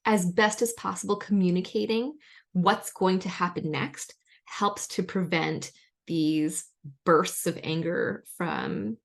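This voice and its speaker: A woman physician guest on a podcast, explaining lively with everyday examples. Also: lowish voice, takes it slowly, vocal fry. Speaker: guest, physician and wellness coach. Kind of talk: conversational interview.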